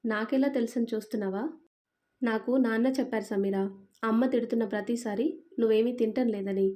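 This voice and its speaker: A woman doing a calm, caring young husband. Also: on the high side, fairly quick, close to an everyday voice. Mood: earnest.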